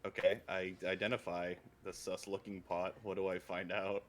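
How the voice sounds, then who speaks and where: Low-voiced man playing a tabletop game. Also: little pitch movement, normal speed. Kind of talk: casual in-game chat.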